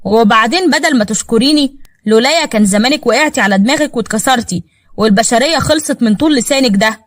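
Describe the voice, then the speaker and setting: A former police officer, blunt and impatient, mocks the girl in an Egyptian accent, as a woman narrator voices him. The delivery is quick, and the recording is dry and close. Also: a little high, no room sound, lightly acted. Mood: irritated. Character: gruff young man, a former police officer.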